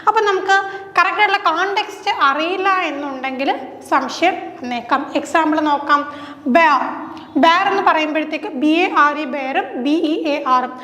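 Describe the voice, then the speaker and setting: A woman's voice: high-pitched, normal speed, bright, forceful tone. A woman teacher with a Malayali English accent, a Malayalam speaker, runs an exam-prep lesson and asks questions that she answers herself. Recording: echoey room with long reverb.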